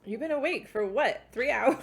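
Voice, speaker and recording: A woman's voice: a little high, expressive, moderate pace, creaky, faint music behind. A woman voicing a wry teenage daughter in a dating game, with dry, teasing remarks.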